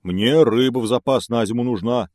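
A man voicing a big, clumsy, greedy male bear who talks gruffly and slowly. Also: darkish tone, no room sound, studio quality, lightly acted. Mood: eager. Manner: booming and slow, gruff.

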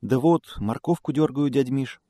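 A man voicing a small, timid male hare who speaks in a meek, squeaky way. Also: moderate pace, mellow, dry recording, studio quality, close to an everyday voice.

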